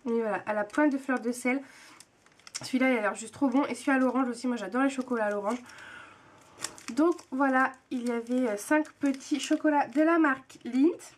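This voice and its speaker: A young woman blogger chats casually and gushingly about a tea box in an unboxing video, full of hesitations. Her voice sits high and is fairly quick, with a little hiss or hum.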